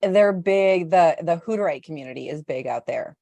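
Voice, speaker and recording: A woman's voice: on the low side, expressive, creaky, warm tone, slight background noise. A woman hosting a podcast, chatting casually with her guest in a playful way. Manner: playful, quick to laugh. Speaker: podcast host. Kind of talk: casual chat.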